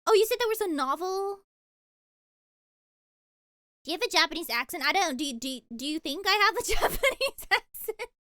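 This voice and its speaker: Bubbly and effusive, this young VTuber giggles constantly and repeats herself while responding to chat on a casual stream. She sounds very high-pitched and animated, bright and forceful, at a moderate pace with long pauses, in clean studio audio without echo.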